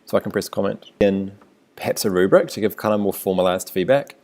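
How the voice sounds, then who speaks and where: In a deep voice and at a fairly quick clip, a male teacher with a New Zealand accent guides viewers through a screencast tutorial, musing aloud in an easy, relaxed way.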